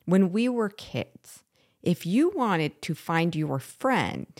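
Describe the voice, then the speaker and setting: A woman around forty with a low voice, co-hosting a relaxed podcast conversation. She is playful and quick to tease her co-host. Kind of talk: casual chat.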